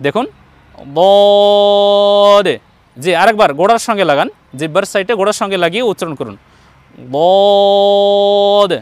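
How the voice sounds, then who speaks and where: Bengali guy teaching quran letters, high pitched, slow and encouraging, repeats every sound, dead dry recording. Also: lively intonation, dry recording. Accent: Bangladeshi Bengali. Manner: patient, encouraging, repeats each letter slowly. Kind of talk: online lesson on letter pronunciation.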